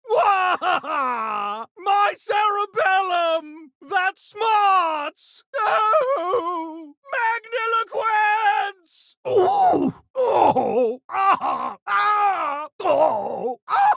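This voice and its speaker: Video game gremlin: smug intellectual monster, high and swooping, genteel menace, grandiose delivery. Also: male voice, creaky, no room sound, clean studio sound, heavily acted. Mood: pained, yelping. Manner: pompous, verbose, theatrical old-fashioned gentleman's phrasing. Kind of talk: video game character voice lines.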